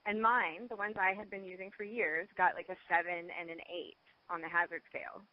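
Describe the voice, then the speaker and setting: A woman's voice: lowish voice, flat delivery, fairly quick. A woman guest speaking over the phone on a radio interview, chatty, laughing often and restarting her sentences. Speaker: guest cosmetics maker and scientist. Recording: dull dry phone line.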